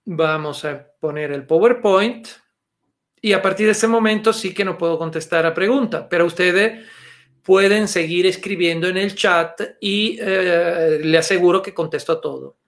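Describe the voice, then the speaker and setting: A middle-aged man with a notably high voice leads an online lesson over a webcam, speaking Spanish. He explains patiently and steadily, filling his pauses with little "eh"s and checking in with "okay?". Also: fairly bright tone. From Italy. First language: Italian. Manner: patient explanatory, fond of "eh" and "¿ok?" tags. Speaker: therapy instructor. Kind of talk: webinar lecture. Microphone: webcam video call.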